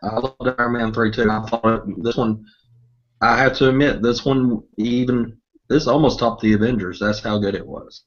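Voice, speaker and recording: A man's voice: medium pitch, fairly even intonation, normal speed, lo-fi sound. A man talking over a remote call line that breaks up, giving short, casual, agreeing replies as a guest reviewer in a chat. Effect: heard over a remote call line that breaks up.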